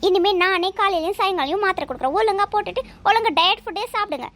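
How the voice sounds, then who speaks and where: Brief: high, lecturing cartoon son, voiced by a woman, exasperated with his mother. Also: racing, fairly bright tone. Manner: lecturing, nagging. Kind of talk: cartoon voice acting.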